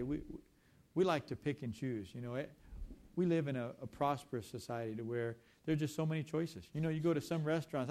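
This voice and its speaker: A man preaching a sermon, shifting between scripture and lively storytelling. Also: a little high. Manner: animated storytelling with conversational asides. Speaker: pastor.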